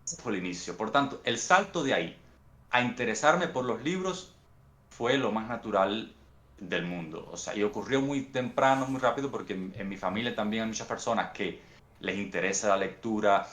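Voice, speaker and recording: Cuban man, unhurried, roomy sound. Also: on the low side, expressive, a bit bright. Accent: Cuban Spanish. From Cuba. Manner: thoughtful, unhurried storytelling with frequent restarts. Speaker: guest author. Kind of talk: reflective interview answers.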